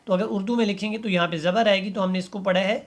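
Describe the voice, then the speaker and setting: A man teaching a Quran reading lesson, drawing out each letter slowly and then explaining how to pronounce it, asking learners to repeat after him. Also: high-pitched, fairly even intonation. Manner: slow drawn-out letter recitation between explanations; patient instructive tone, asks learners to repeat. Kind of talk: step-by-step recitation lesson.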